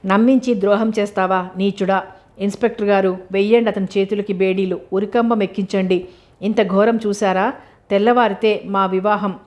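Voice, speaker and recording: A woman's voice: mid-range voice, steady tone, normal speed, a little mellow, muffled recording, natural voice. A woman voicing a young bride, anguished and accusing. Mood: furious. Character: furious grieving young bride.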